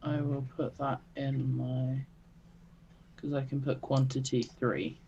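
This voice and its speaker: A player in a tabletop game, animated and quick to laugh and exclaim. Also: medium pitch, highs cut off, a little hiss or hum. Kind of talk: casual tabletop game chat.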